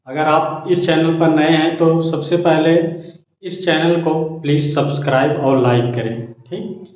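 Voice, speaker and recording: Slow, echoey Hindi grammar teacher. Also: male voice, on the high side, steady tone. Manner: slow, drawn-out teaching with frequent "ठीक?" checks. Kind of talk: slow explanatory lesson. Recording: very echoey room, slightly dull sound.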